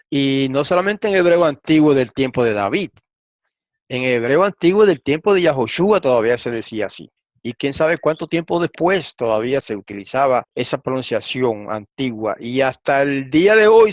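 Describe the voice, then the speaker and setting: A man teaching a lesson, reading transliterated Hebrew and Greek slowly and asking frequent rhetorical questions. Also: fairly high pitch, no room sound. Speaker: Bible teacher. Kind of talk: lecture explaining Hebrew and Greek texts. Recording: dull, slightly lo-fi and dry.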